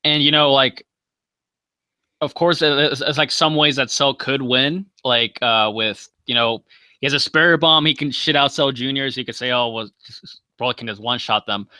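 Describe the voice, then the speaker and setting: A man's voice: mid-range voice, steady tone, normal speed, bright, forceful tone, clear, resonant tone, dry recording. A young man arguing in a casual live-stream debate, rambling with many fillers and swearing. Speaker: debate guest.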